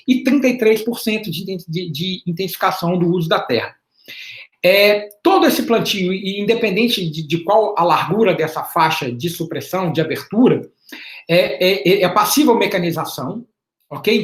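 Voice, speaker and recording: An invited panelist in an online talk, this high-voiced man walks through his slides in a measured, explanatory way. He halts, repeats words, and keeps checking in with a questioning "right?" The call carries a roomy echo.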